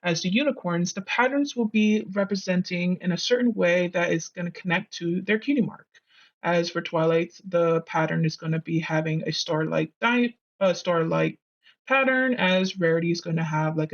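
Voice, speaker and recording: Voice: mid-range voice, normal speed, dull audio. A narrator of ambiguous sex whose voice runs through a voice changer, giving a chatty, earnest scripted video narration as an artist hosting their own channel. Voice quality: voice run through a voice changer, artificial-sounding. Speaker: host, digital artist. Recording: music behind the voice. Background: background music.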